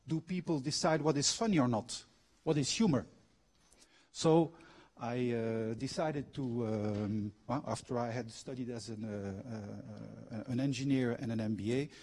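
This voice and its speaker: A mid-range, slightly mellow and husky voice belongs to a middle-aged Belgian man who grew up abroad. Speaking as a guest lecturer in a university lecture hall, this former factory manager and trained coach tells personal anecdotes and engages the audience by asking questions.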